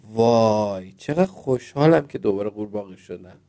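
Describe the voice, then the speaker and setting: A man's voice: lowish voice, animated, gravelly, mellow. A man voicing a sulky little male frog who was turned into a prince, complaining and stubborn, in a storybook reading. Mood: happy.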